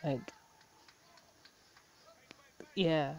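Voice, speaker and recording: Drawing out her words in a low, mellow voice, a female video reaction host delivers blunt, incredulous remarks punctuated by swearing and laughter. Faint noise sits under the dull, lo-fi audio.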